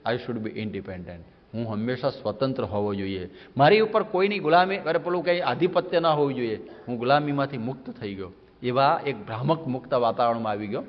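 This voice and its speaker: Monk preaching in a reverberant hall. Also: male voice, medium pitch. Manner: animated storytelling, mimics people's voices. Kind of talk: sermon. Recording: muffled old recording with hall reverb.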